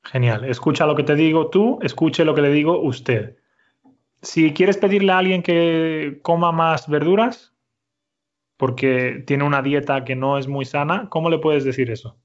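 Male language teacher, patient and clear, a bit high-pitched, muffled recording. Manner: patient, slow and clear, repeats answers. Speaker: Spanish teacher. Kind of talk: conversational language lesson.

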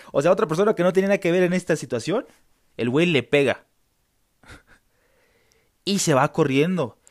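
A man's voice: fairly high pitch, unhurried, pauses often. A young Mexican man with a Mexican Spanish accent, telling a story in a casual, slangy way and acting out the voices of the people in it. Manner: animated, acts out quoted voices, slangy. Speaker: vlogger.

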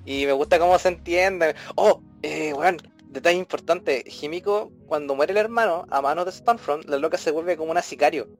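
Chilean male podcast co-host, higher-pitched, acts out scenes with lots of slang; light music bed. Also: normal speed, hardly any pauses. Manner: animated storytelling full of slang, acting out scenes. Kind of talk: casual chat.

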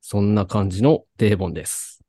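A man co-hosts a podcast in casual conversation. His voice is low and dark, with a mellow tone. The recording is dry and close. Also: a little fast, slightly rough, no echo. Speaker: podcast co-host, car mechanic. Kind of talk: casual chat.

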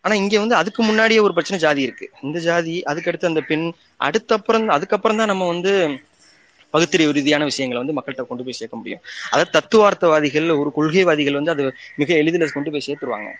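A man talks casually but earnestly in an online audio discussion, laying out his point step by step. His voice sits somewhat high for a man, and he often breaks off and restarts his phrases as he goes. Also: fast talker, fairly bright tone. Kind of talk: casual political talk.

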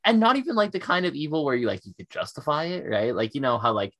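A man's voice: mid-range voice, very animated, fast, a bit bright. A man co-hosting a casual chat podcast, rambling with lots of fillers and self-deprecating enthusiasm. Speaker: podcast co-host.

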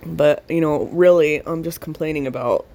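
Speaking into a handheld recorder pressed close to her mouth, a woman with a warm, low-pitched voice keeps a casual spoken audio diary. She talks slowly and profanely, rambling on with long pauses.

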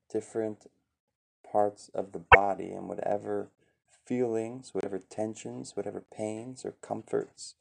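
A man leading a meditation session in a calm, gentle teaching voice with some fillers. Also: on the low side, vocal fry. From USA. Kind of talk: calm guided meditation talk.

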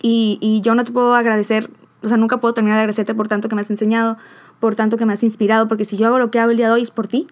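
A woman's voice: fairly high pitch, little pitch movement, very fast. A young woman hosting a podcast, talking heartfelt and rambling. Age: young adult. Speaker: podcast host. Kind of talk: emotional podcast chat.

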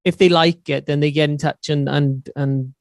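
A male podcast guest from Swansea, Wales, a band musician and songwriter, chats informally and matily in a Swansea Welsh accent, sprinkling in plenty of "you know". His voice is on the high side with fairly even intonation and a moderate pace. The tone is clean and the sound close and dry, in a casual interview.

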